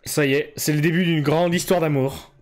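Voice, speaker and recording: A man's voice: a little high, steady tone, normal speed, a little mellow. A man streaming a video game, chatting and joking casually with viewers and swearing freely. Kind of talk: casual live game commentary.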